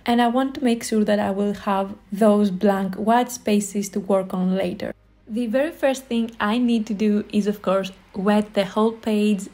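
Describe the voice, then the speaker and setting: A young Greek woman with a Greek accent narrates a watercolor painting tutorial as a voice-over, sounding friendly, enthusiastic and chatty. She is an art instructor, and her voice is medium in pitch with a darkish tone.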